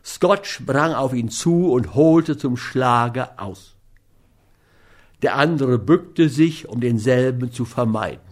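A man reading a novel aloud as narrator in a measured, storytelling manner. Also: medium pitch, animated. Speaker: audiobook reader. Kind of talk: scripted narration.

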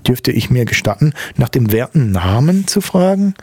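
A man's voice: medium pitch, big pitch swings, moderate pace, warm tone, slightly rough, no room sound, pitched above the performer's own voice. A man voicing a fat, jovial German father with a German accent and gurgling, stiffly polite speech. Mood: formal, boastful.

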